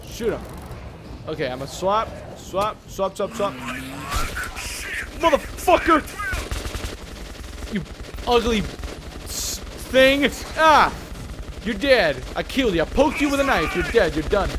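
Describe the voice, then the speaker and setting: A man commentating his gameplay from home, loud and excitable, yelling and cursing at the game. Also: sits high, moderate pace, noisy background. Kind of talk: let's play commentary. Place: home in Germany.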